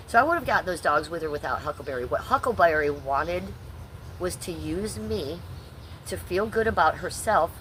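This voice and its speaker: A middle-aged woman from Ohio hosts a livestream, speaking bluntly and sarcastically to her chat and swearing freely. Her voice sits on the low side and is a bit bright, and the rough recording carries a little hiss or hum.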